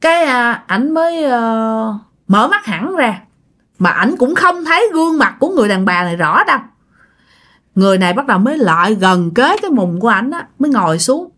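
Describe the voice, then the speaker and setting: A woman's voice: fairly high pitch, very animated, brisk, fairly bright tone. A woman telling a ghost story in a chatty way, speaking directly to her listeners. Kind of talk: casual ghost story narration.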